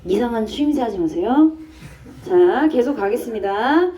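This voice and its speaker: A woman's voice: on the high side, lively intonation, moderate pace, warm tone, recorded from a distance, rough recording. A woman teaching an English grammar lesson to a class, explaining step by step and asking and answering her own questions. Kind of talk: classroom lecture.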